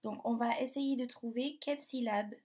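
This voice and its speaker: A woman teacher giving a phonics lesson to young children, slowly sounding out syllables and words. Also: fairly high pitch, darkish tone. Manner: slow, carefully articulated, sounding out syllables. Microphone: device camera.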